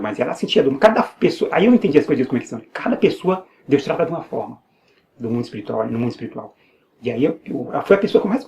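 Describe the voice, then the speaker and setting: A man's voice: mid-range voice, vocal fry, darkish tone, a little hiss or hum. A man with a Brazilian Portuguese accent giving an earnest personal religious testimony, repeating phrases and restarting often. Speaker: evangelical believer giving testimony.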